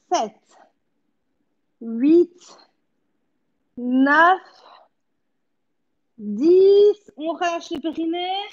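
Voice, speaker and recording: A woman's voice: very high voice, dull audio. A woman in her thirties leading a home workout as a fitness coach, giving short encouraging cues and counting repetitions while she exercises. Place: living-room home studio, indoors.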